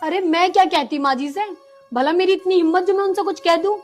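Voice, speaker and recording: Young daughter-in-law, long-suffering, pleading, high voice, light music behind. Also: female voice, brisk. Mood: hurt. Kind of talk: village film drama.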